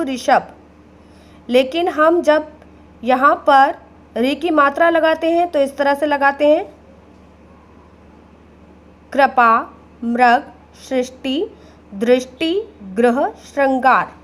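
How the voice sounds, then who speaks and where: A woman teacher giving a patient grammar lesson, repeating each word and addressing the children directly. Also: sits high. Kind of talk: slow classroom explanation.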